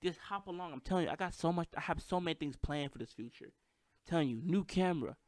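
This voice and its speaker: A man's voice: a little high, quick pace, darkish tone, no echo. A man with a slight lisp and a stutter, hosting a casual solo podcast, hyped and self-deprecating. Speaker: podcast host. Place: at home with microphone.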